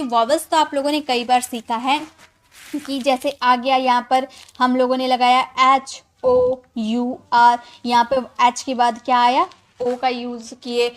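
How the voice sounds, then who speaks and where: Woman teacher, high bright voice, patient explainer, spells letters aloud, repeats words, checks in with viewers. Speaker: English teacher. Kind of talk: spoken phonics lesson.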